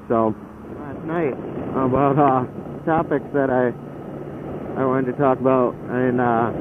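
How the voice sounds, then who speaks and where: A man's voice: mid-range voice, phone-quality sound. A man chatting casually and hesitantly from inside a motorcycle helmet, rambling like a motovlogger as he rides. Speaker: motorcycle vlogger. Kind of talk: casual motovlog chat while riding. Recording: band-limited helmet mic, engine and road noise. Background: vehicle noise.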